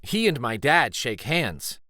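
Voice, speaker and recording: With a mid-range voice, a man narrates a children's picture book with deliberate, expressive storytelling. The recording is clean studio quality without any echo.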